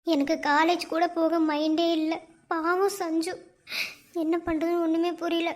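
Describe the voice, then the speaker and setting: A woman voicing a very high cheeky young wife. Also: little pitch movement. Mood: comforting. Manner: cheeky, quick retorts. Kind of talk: fan-made cartoon voice acting.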